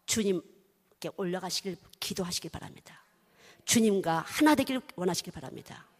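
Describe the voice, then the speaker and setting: Middle-aged woman preacher, fairly high voice, really lively, big echoey hall sound, loud then whispery. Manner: emphatic, swings from loud exclamations to hushed whispers. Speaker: children's missionary preaching. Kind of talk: sermon. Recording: long hall reverb.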